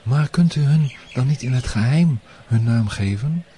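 A man voicing a worried village father in a storybook reading, speaking in a hushed, urgent way. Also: mid-range voice, animated, normal speed, a little hiss or hum, lightly acted. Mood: whispering.

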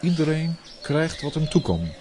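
A man voicing a cruel tyrant king who loudly preaches and begs forgiveness in a storybook tale. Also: a little high, big pitch swings, moderate pace, slight background noise, pitched above the performer's own voice. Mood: preachy, remorseful. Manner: loud, preachy pleading.

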